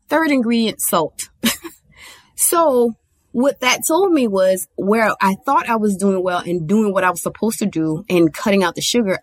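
A woman's voice: medium pitch, husky. A woman delivers a motivational talk in a casual, colloquial way, hammering her points with emphatic repetition. She acts out her own past thoughts as she goes. The sound is dry and close, with no room echo. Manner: colloquial and conversational, addressing listeners directly. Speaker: motivational speaker on diet and sugar.

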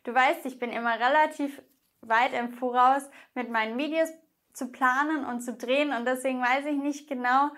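A woman teaching Spanish grammar, explaining slowly and carefully and speaking directly to the viewer. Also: sits high, steady tone, fairly bright tone. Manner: slow, careful explanations with drawn-out example words.

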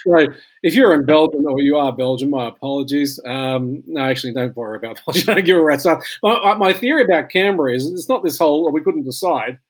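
A man's voice: on the high side, fast, rough recording. A tired middle-aged Australian man in casual chat, rambling through anecdotes and laughing at his own jokes.

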